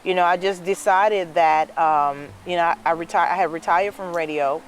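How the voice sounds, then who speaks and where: Brief: New woman, about fifty, animated storyteller, light background noise. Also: fairly low pitch, moderate pace. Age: around 50. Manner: animated storyteller, lots of "you know". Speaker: guest, dress business owner. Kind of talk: casual interview chat.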